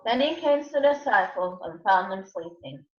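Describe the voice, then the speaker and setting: A woman's voice: mid-range voice, expressive, normal speed. A woman giving a scripted narration of scripture as the narrator of a dramatised reading. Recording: echoey room, dull lo-fi sound.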